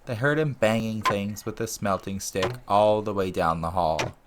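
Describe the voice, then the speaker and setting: A man's voice: lowish voice, moderate pace, background noise. A man reading a story aloud as narrator, in scripted audiobook style. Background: music and ambience.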